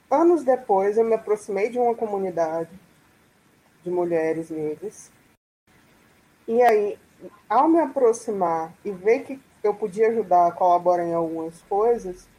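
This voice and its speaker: A woman from Salvador, speaking as a guest on a video call in a halting, thoughtful way with many restarts. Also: mid-range voice, dark tone, breathy edge, poor audio. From Salvador, Brazil. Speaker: guest panelist. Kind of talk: casual live-stream discussion.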